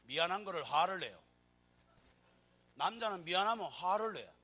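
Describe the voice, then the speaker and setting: Lively, bright-voiced Gyeongsang preacher. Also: male voice, high voice, normal speed. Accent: Gyeongsang Korean. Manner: animated, joking preacher who acts out scenes. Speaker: pastor. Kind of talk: sermon.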